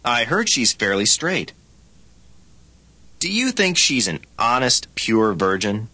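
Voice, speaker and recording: A man reading scripted practice dialogues for a language lesson, with expressive, swooping line readings. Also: mid-range voice, takes it slowly, no echo.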